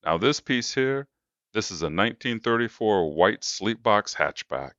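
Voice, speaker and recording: A man's voice: lowish voice, lively intonation, a little slow, fairly bright tone, no room sound, lo-fi sound, voice pushed up. A man doing a pushy coffin salesman. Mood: salesy. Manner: brash salesman patter. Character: pushy smooth-talking male coffin salesman.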